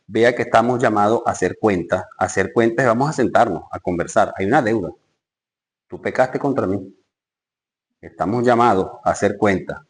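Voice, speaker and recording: Emphatic lower-pitched male preacher. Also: moderate pace. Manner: emphatic, rises sharply when reading scripture; addresses listeners directly, rhetorical questions. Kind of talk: Bible study sermon.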